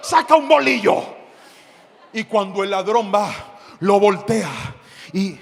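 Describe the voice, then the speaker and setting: Sex: man. Role: pastor. Style: animated storytelling sermon. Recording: church hall with long reverb and faint noise. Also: high-pitched, takes it slowly, creaky. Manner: animated, shouting the action.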